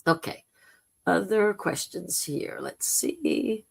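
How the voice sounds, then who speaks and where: Spiritual livestream host: very gravelly, hoarse voice, informal and gently encouraging delivery. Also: mid-range voice, slow pace. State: temporarily hoarse.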